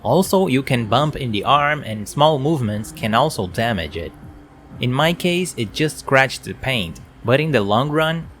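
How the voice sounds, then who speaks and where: A man's voice: medium pitch, lively intonation, measured pace, a bit bright, slight background noise. A man giving a plain, explanatory product review at his home work desk, speaking into a desk mic on an arm. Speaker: tech reviewer.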